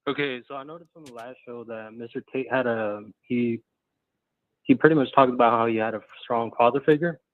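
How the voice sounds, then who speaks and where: A man's voice: medium pitch, fairly even intonation, brisk, no room sound. A man from Texas calling in over a bad phone connection that cuts out, asking a polite, earnest question. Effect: bad phone connection, cutting out. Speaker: caller. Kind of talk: call-in question on a podcast. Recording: tinny, dry phone line that breaks up.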